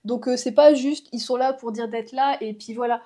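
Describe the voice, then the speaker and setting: Chatty woman vlogger with a mellow voice. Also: a little high, steady tone, moderate pace. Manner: rambling, full of fillers and restarts; chatty, addresses viewers directly. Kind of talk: casual chat vlog.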